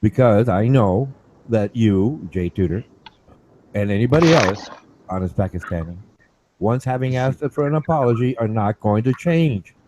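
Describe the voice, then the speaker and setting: Mellow-voiced man, earnest, slightly noisy line. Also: lowish voice, animated, moderate pace. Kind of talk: casual argument. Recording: noisy voice chat connection.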